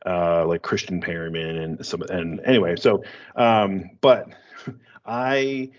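A man in his thirties from Western New York co-hosts a podcast, telling a rambling story full of laughs and restarts in casual chat. His deep voice is steady and slow, and the audio sounds dull and lo-fi.

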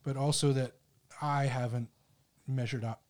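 A man's voice: medium pitch, fairly even intonation, a little slow, a little mellow. A man talking through an idea in casual, reflective conversation, hosting a discussion.

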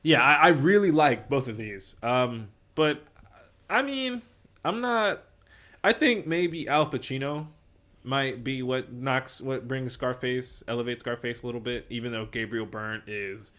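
A man's voice: mid-range voice, lively intonation, a little slow, a bit bright. A man co-hosting a casual movie podcast, rambling and swearing freely as he weighs up films. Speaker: podcast co-host. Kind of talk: casual movie bracket chat.

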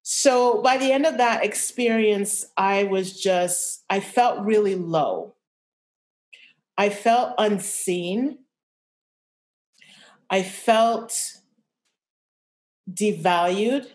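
Podcast guest: young woman, lowish voice, halting and reflective, frequent restarts. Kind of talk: candid personal interview.

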